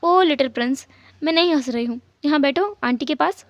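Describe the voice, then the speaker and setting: A woman voicing a gentle, caring young woman with a soft, reassuring manner. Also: high-pitched, fairly quick, no room sound, lo-fi sound.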